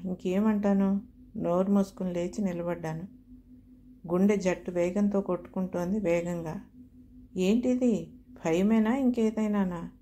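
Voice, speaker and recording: Wry, mellow woman storyteller. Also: mid-range voice, a little hiss or hum. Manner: wry, chatty, self-mocking. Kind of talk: first-person comic story reading.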